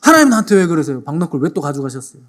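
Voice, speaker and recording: A man's voice: a little high, big pitch swings, racing. A man voicing a sulky, stubborn male prophet who complains indignantly.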